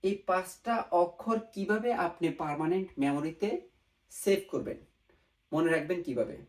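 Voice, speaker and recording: A man's voice: a little high, rough recording. Male teacher, patient stepwise lesson narration, repeats key points, drops in English words. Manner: repetitive, asks and answers own questions; mixes English words into Bengali. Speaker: Japanese language teacher.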